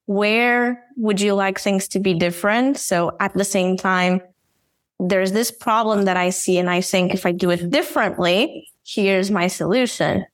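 A woman's voice: medium pitch, a little slow, dry recording. A woman guest in a casual interview on a video call, talking with enthusiasm and laughing often. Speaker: guest, brand designer. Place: room at home with red cabinet.

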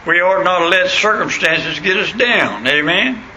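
Male preacher, rural American accent, plain country diction. Very bright, hard-edged, slightly high voice, folksy sermon delivery. Noisy recording. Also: animated, a little slow, muffled recording. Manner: folksy, punctuates points with questions to listeners. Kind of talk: sermon with anecdotes and scripture reading.

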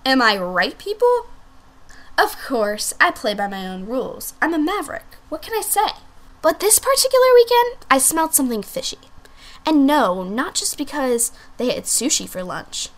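A woman's voice: very animated, moderate pace, fairly bright tone. Woman voicing a sassy diva French bulldog girl. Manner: theatrical, diva-like, swooping pitch. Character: sassy pampered five-year-old female French bulldog.

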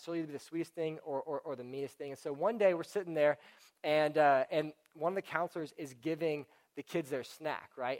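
A young man giving a casual sermon, talking conversationally with many fillers. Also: fairly high pitch. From Houston area, United States.

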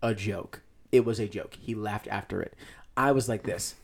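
A man's voice: normal speed, gravelly. A young man co-hosting a podcast, telling stories in a casual, slangy way and laughing often. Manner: laughing storyteller, slangy, drops into a low mumble. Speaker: podcast co-host. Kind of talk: casual chat.

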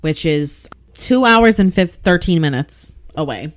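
A woman's voice: on the low side, animated, a little slow. A young woman co-hosting a casual podcast, chiming in agreeably and swearing freely. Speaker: podcast co-host. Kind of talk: casual chat.

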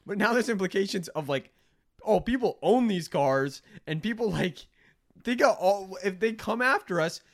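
A young man co-hosting a casual comedy podcast, rambling and animated with lots of fillers. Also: sits high, moderate pace. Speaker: podcast co-host.

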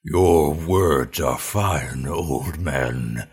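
A man doing a gruff, wary young orc warrior. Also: extremely low pitch, full character voice. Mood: suspicious. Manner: slow, suspicious, clipped.

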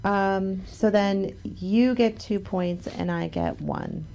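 A woman's voice: mid-range voice, slow, a little mellow, slight background noise. A woman co-hosting a podcast, chatting casually and teasingly with her partner. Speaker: podcast co-host. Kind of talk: casual chat between partners.

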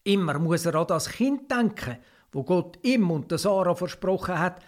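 A man narrates a Bible story for children. His voice sits high for a man, and his telling stays gentle and hushed. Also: animated, moderate pace.

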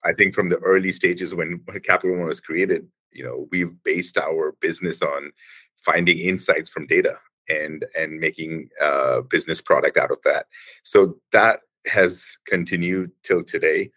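A man with a very low voice is a guest on a podcast. He explains things patiently at length, stops often and starts his sentences over. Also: steady tone, pushed and bright, slightly rough. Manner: explanatory, halting with many restarts. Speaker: guest, engineering executive. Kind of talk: podcast interview.

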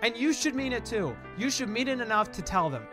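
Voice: mid-range voice, very animated, fairly quick, music in the background. A preacher giving a fiery, informal evangelistic sermon in an emphatic, exhorting way, with sarcastic asides and rhetorical questions. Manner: self-described yelling preacher voice.

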